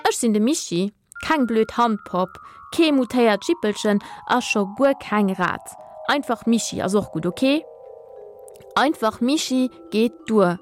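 A woman's voice: a little high, animated, moderate pace, few pauses, soft background music, natural voice. A woman voicing a cheeky furry creature boy. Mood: cheerful. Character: cheeky furry male creature, playful and touchy.

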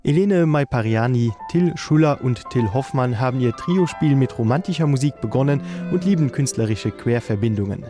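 A man reading a scripted music review for radio in a measured way. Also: mid-range voice, dark tone. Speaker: music critic.

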